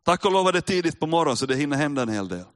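Male preacher, fairly high voice, chatty sermon delivery that builds in emphasis. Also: very animated, a bit bright. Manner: conversational, addresses listeners directly, rises in emphasis. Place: church with a live audience.

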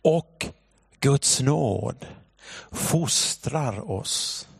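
A man in his thirties preaching a sermon in church, telling a personal story with animated delivery. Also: mid-range voice, vocal fry, breathy edge, no echo, studio quality. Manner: animated storytelling, shouting when acting out the scene. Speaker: pastor.

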